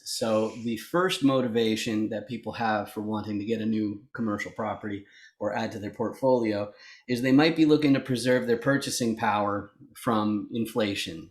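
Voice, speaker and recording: A man hosts a casual interview over a video call. He explains at length and in a loose way, with plenty of "uh"s and "you know"s. His voice sits at an ordinary middle pitch. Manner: chatty, explains at length with many fillers. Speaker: podcast host interviewing investors.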